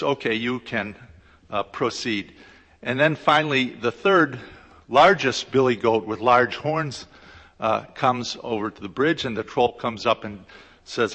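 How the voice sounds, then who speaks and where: A man gives a conference talk as a law lecturer, explaining carefully and stopping often to search for words. His voice sits at an ordinary middle pitch. The sound carries the long, echoing reverb of a large hall. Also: a bit bright. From United States. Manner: hesitant, explanatory, with frequent pauses. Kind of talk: conference presentation.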